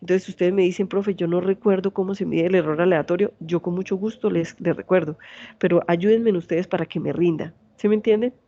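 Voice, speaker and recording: A woman's voice: lowish voice, fairly even intonation, fairly quick, warm tone, muffled recording. A woman in her forties with a Santander Colombian accent, a university teacher giving an online lecture and often asking her students questions. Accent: Santander Colombian Spanish. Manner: asks students many check questions.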